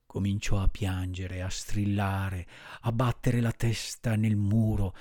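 A man reading a children's classic aloud as an expressive, theatrical storybook narrator. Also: mid-range voice, no echo, studio quality. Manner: animated, theatrical. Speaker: audiobook narrator.

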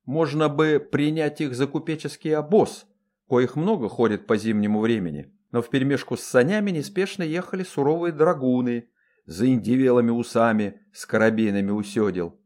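A man narrating a historical novel in a lively, folksy storytelling manner. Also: medium pitch, moderate pace.

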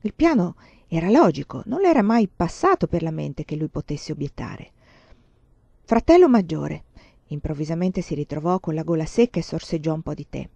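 A woman reads a novel aloud in a measured, expressive voice, mellow and warm in tone. The room is dry and the recording slightly dull. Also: low-pitched, creaky, slightly rough, no echo. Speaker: reader. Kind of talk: storybook reading.

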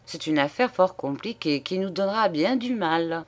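A woman's voice: fairly low pitch, animated, moderate pace, natural voice. A woman reading an audiobook, voicing a smug young office clerk who courts with polished, condescending airs. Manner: smooth and condescending.

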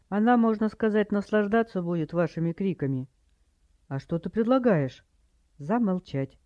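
A man's voice: sits high, dry recording. A man reading a polite clever boy detective. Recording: dry, slightly dull recording.

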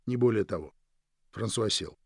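A man narrating an audiobook in a dry, even storytelling manner. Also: fairly low pitch, moderate pace, vocal fry, no echo.

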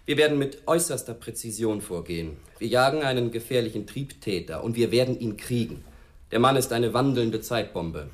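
A man's voice: medium pitch, lively intonation, brisk, close to an everyday voice. An actor playing a curt, sardonic police chief briefing his task force. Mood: brusque.

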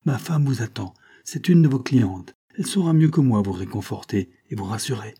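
A man voicing a scheming con man who speaks with smooth, theatrical, falsely consoling concern. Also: mid-range voice, lively intonation, normal speed, warm tone.

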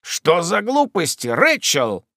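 A man voicing an elderly country gentleman host, blunt and somewhat gruff. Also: sits high, huge pitch swings, unhurried, no room sound, studio quality, pitched above the performer's own voice, full character voice. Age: older. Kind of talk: audiobook character voice.

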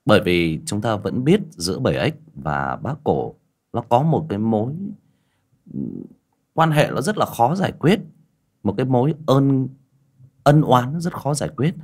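A man's voice: medium pitch, big pitch swings, normal speed. A man narrating an audiobook, addressing listeners directly in a conversational way.

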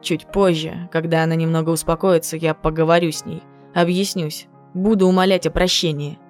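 A woman voicing a hushed remorseful young man. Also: deep voice, flat delivery, brisk, soft background music, pitched below the performer's own voice, close to an everyday voice. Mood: pleading. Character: remorseful young wealthy man, cold then pleading.

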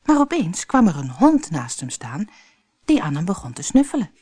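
Dutch woman reading a kids fairy tale, low-ish voice, super lively. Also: moderate pace, slightly rough. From Netherlands. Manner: expressive storytelling. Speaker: narrator. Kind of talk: children's audiobook reading.

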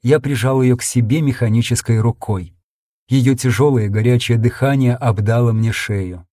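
A man's voice: mid-range voice, normal speed, warm tone, no echo. A man reading a first-person sci-fi audiobook in an intense, dramatic storytelling manner. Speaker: audiobook narrator.

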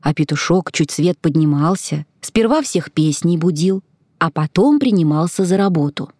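A woman narrating a children's fairy tale with expressive storytelling. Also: fairly low pitch, moderate pace, dry recording, studio quality.

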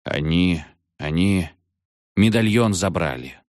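A man voicing a frightened schoolboy who speaks quietly and fearfully on the phone. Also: low voice, lively intonation, takes it slowly, dry recording, clean studio sound. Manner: hushed, fearful, barely audible.

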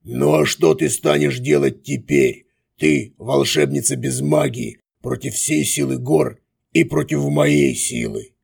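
A man's voice: medium pitch, sing-song, measured pace, gravelly, darkish tone, breathy edge, heavily acted. A man voicing a mocking goat-legged creature speaking as a disembodied voice from the darkness, in an audiobook. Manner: mocking, taunting. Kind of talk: audiobook character voice.

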